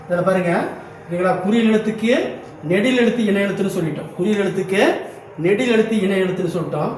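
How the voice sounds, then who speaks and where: A man's voice: high-pitched, fast, darkish tone, a little hiss or hum. A man teaching an exam-coaching class, drilling letters one by one and checking in after nearly every phrase, in speech. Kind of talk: classroom exam-answer lesson. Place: classroom hall. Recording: very echoey room, voice far from mic.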